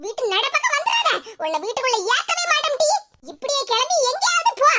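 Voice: very high-pitched, big pitch swings, fast talker. A performer voicing a quarrelsome older village mother-in-law with a Tirunelveli Tamil accent, wailing and scolding in a cartoon. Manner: wailing, scolding, dramatic complaints. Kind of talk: cartoon voice acting. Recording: loud background hiss.

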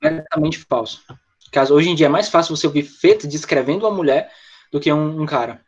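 Brazilian guy teacher, online english class, higher voice, kinda muffled dull audio. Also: sing-song, fairly quick. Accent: Brazilian Portuguese. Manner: explanatory, talks with students by name and reads the chat.

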